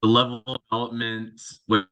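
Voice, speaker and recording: A man's voice: mid-range voice, completely flat delivery, fairly quick, pushed and bright, highs cut off. A man asking hesitant questions from a hotel room in an online meeting, his audio crackling and cutting out over a bad connection.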